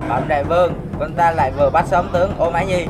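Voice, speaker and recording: A man's voice: fairly high pitch, quick pace, over loud music, natural voice. An actor playing an eager soldier messenger in a historical stage drama, formally reporting to his lord. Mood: triumphant.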